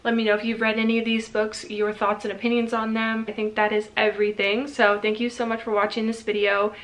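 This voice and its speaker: A woman's voice: fairly high pitch, flat delivery, brisk, fairly bright tone. A young woman casually chatting through a book wrap-up on her channel, rambling and friendly with frequent fillers. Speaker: book vlogger. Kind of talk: casual reading wrap-up vlog.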